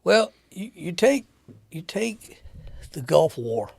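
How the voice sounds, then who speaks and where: A man's voice: high-pitched, slow, creaky, husky. A man telling casual travel stories as an interview guest, acting out the people he met. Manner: animated, acts out the people in his stories. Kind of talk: casual storytelling.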